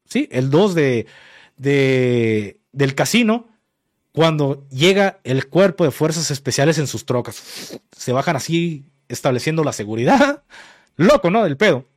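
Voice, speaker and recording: A man's voice: fairly high pitch, very animated, measured pace, dry recording, studio quality. A man with a Mexican accent hosting a podcast, telling a story in casual, slang-heavy speech and laughing often. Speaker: podcast host.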